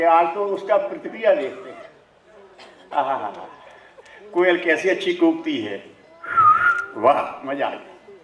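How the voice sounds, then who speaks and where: Chuckling through his points and asking rhetorical questions, a man gives an animated spiritual talk to an audience in a ceremony hall over a microphone and loudspeaker. The high-pitched voice comes across dull, distant, and echoey in the hall.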